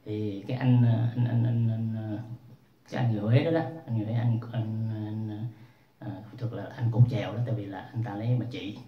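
A man's voice: lowish voice, steady tone, moderate pace. Rambling man telling stories. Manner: rambling, many restarts and fillers. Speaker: vlogger. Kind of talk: casual storytelling. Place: room at home. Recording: roomy, distant, dull sound.

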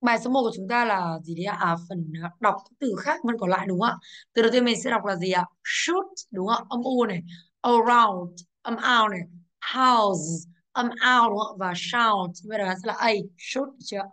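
A woman's voice: mid-range voice, fast talker, fairly bright tone. A female English teacher going over exercises, explaining each answer and checking with the class, with English words in a Vietnamese accent. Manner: explains step by step, checks with "đúng không ạ".

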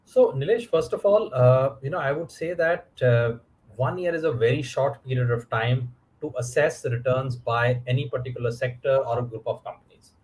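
A middle-aged man with an Indian English accent, a fund manager speaking in a measured, explanatory way on a video call. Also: medium pitch, darkish tone, rough recording. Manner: measured, explanatory, many fillers. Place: indoor room.

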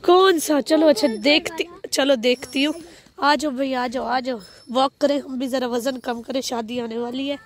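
A woman from Pakistan chatting excitedly and laughing as she narrates a family vlog, filmed outdoors in a park on a handheld phone. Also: high-pitched, moderate pace. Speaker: family vlogger.

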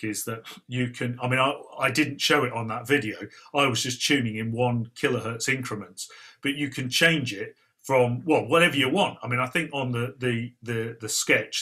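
A man with a Northern English accent, a guest speaker explaining radio building in a relaxed way with fillers. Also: medium pitch. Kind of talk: casual technical talk.

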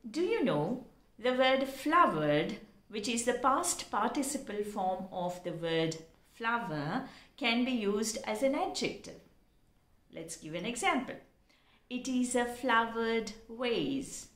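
A woman gives a pronunciation lesson, speaking slowly and deliberately. Her voice carries a noticeable room echo. She is earnest and explanatory, and she spells words out letter by letter. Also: fairly high pitch. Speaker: English teacher.

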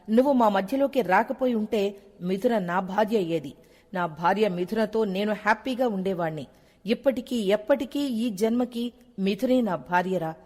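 This is a woman reading the part of a jealous, drunk young man. She voices him at her usual middle pitch. A long reverb tail follows each phrase. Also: darkish tone, natural voice.

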